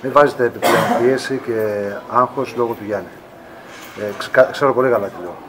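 A man's voice: medium pitch, heavy background noise. A man in his thirties, a team captain, speaking frankly and firmly to reporters in an arena corridor after a game. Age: 30s. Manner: frank, firm, pushes back on questions. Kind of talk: post-game interview with reporters. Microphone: reporters' phones held close.

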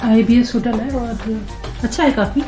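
A woman's voice: on the high side, normal speed. A woman travel vlogger chatting casually outdoors and in a car, explaining prices and plans. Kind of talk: casual travel vlog chat. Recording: loud background music over voice.

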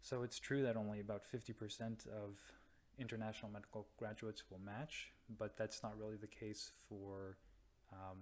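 A young man from the United States or Canada, a radiology resident, does a voice-over for a slide-based explainer. His lowish voice is flat, and he talks slowly and hesitantly, with lots of ums and restarts.

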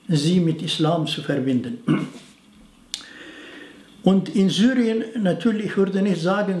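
The voice sits high with a darkish tone, and the room sounds reverberant. It belongs to an older man from Turkey, near the Syrian border, whose first language is Aramaic, being interviewed in a bookshelf-lined study. He explains things to camera haltingly, with many fillers and non-native grammar.

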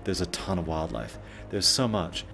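A man with a deep voice gives unscripted interview commentary as a wildlife expert. Loud music plays behind him. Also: big pitch swings, normal speed, gravelly. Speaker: conservation expert.

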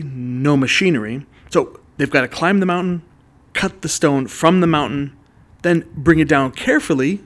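A man narrating an art history lesson in voice-over, calmly explaining ideas step by step. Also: medium pitch. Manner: explanatory, walks the listener through ideas step by step.

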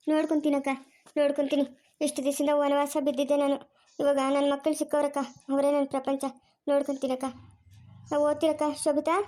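A woman's voice: high-pitched, dark tone. A woman playing an emotional mother in a home family drama. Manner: emotional, pleading then scolding.

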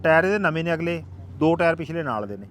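A male used-car dealer with a Punjabi accent rattles off vehicle details in short, matter-of-fact bursts. His pitch is high and his pace is quick. He is recorded outdoors with faint traffic noise behind him. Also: expressive. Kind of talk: unscripted car sales pitch. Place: outdoor car yard by a road.

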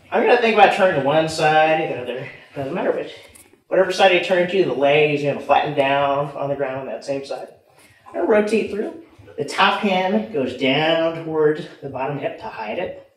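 This young man's voice is a little high with a fairly bright tone as he instructs students in jiu-jitsu, demonstrating on the floor and moving the whole time. The setting is a matted gym room indoors, captured with a distant mic in an echoey space with background noise.

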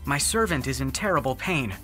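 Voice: mid-range voice, expressive, a little fast, pushed and bright. A respectful army officer asking for help for his servant, as a storybook narrator plays him. The voice is earnest and direct. Music plays beneath it. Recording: music underneath.

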